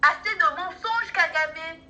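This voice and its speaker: A woman's voice: extremely high pitch, unhurried, pushed and bright. A woman from Rwanda calling in with impassioned political commentary, indignant and stammering through repeated words. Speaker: caller. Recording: muffled phone line.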